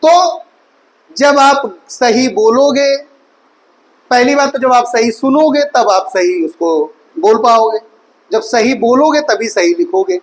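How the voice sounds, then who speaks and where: Woman hindi teacher, high voice, online coaching class, makes students say the vowels out loud, keeps quizzing them. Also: takes it slowly, rough recording. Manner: drills pronunciation aloud, asks students rhetorical questions; addresses students affectionately as 'beta'. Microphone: recorded for mobile viewers.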